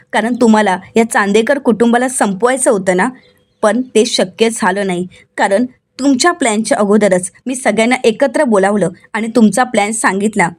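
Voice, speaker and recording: A stern young man speaking slowly and coldly as he exposes a plot, read out by a woman. The voice stays a little high. He sounds controlled and accusing. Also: lightly acted.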